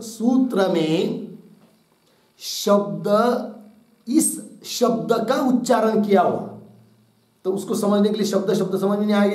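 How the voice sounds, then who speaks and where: A man's voice: sits high, darkish tone. A male teacher explaining a Sanskrit text, putting questions to the class, answering them himself, and dictating notes phrase by phrase. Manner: dictates slowly, repeating each phrase. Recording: echoey room.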